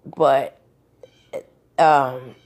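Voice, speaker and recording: A woman's voice: extremely low pitch, fairly even intonation, extremely slow, darkish tone. A young adult woman telling a personal story to the camera in a casual, rambling way, with many fillers and restarts. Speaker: vlogger recounting a personal experience.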